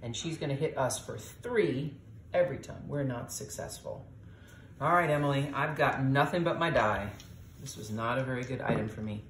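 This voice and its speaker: Low-voiced woman hosting a board game. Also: normal speed, echoey room, slight background noise. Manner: explains rules aloud, chatty, reacts with little exclamations. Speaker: host playing a board game with her daughter. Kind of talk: casual game-play chat to viewers.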